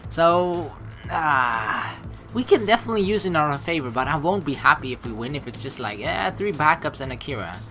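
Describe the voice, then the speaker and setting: Very animated and speaking at a normal speed, the let's play streamer has a somewhat high, slightly bright voice. He reads game text aloud and keeps up loose, emphatic commentary with the odd swear word while background music from the game plays.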